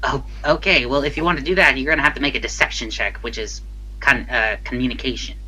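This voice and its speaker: A man narrates a tabletop game as game master in a bright, forceful voice. He is casual and halting, with a giggly streak. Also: mid-range voice, breathy edge, rough recording.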